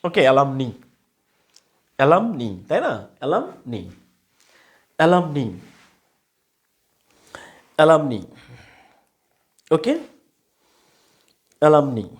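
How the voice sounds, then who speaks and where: A man with a Bengali accent teaching English grammar in a live online class, repeating words slowly and often checking that students follow. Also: fairly high pitch, big pitch swings.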